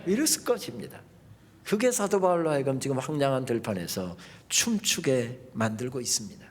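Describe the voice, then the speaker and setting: A male pastor preaching a lively revival sermon, often dropping into playful dialect quotes. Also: mid-range voice, fairly quick, big-room sound.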